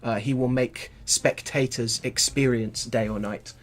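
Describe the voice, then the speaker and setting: A man's voice: medium pitch, steady tone, unhurried. Wordy man in scholarly chat. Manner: wordy, digressive, with frequent restarts and dry wordplay. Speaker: podcast co-host.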